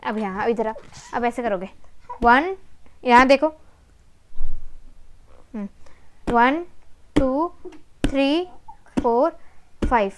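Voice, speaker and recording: A woman's voice: on the high side, slow, pauses often, a little hiss or hum. A mother, speaking, patiently coaching her child through ball exercises, counting and prompting again and again.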